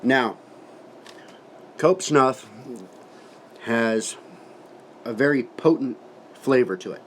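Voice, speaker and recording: A man's voice: medium pitch, takes it slowly, a little hiss or hum. A man giving a casual, folksy product review to camera, talking with his lip packed full of dip and swearing now and then.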